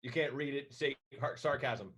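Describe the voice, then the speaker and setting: A man co-hosting a comedy podcast, laid-back and wry, quick to laugh. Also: medium pitch, a bit bright. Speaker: podcast co-host. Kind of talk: casual comedy chat.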